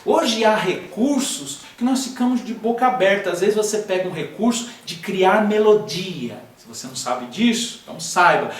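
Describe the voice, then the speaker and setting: A man's voice: high-pitched, reverberant, far from the mic. A man teaching a church class on healing in a conversational sermon style, speaking directly to the listener. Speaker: pastor teaching a healing school.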